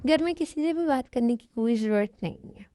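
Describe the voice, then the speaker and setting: A cold young mafia man who makes threats and gives curt orders, dubbed by a woman. The voice sits fairly high for the part but sounds dark and mellow. It is recorded dry and close. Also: lively intonation, a little fast, dry recording. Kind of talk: fan Hindi dub of a love story.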